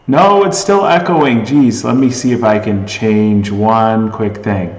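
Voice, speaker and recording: A man hosts a casual livestream from a bare indoor room, his voice echoing heavily with long reverb. Fairly low and slow, he sounds distant and dull in the recording as he rambles, restarts, and talks to chat.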